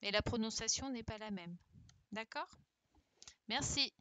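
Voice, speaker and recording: A woman's voice: fairly high pitch, measured pace, pushed and bright, no room sound. A woman teaching a primary class online on a video call, patiently correcting exercises with her pupils, praising them and often checking "d'accord?". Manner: spells out word endings letter by letter. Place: home, virtual classroom.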